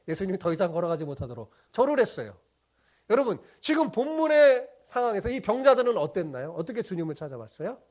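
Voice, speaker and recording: A high-voiced male pastor preaching with a lively, swooping delivery. He poses question after question to his listeners and answers them himself. He keeps pulling the room along with little checking-in tags. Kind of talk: sermon.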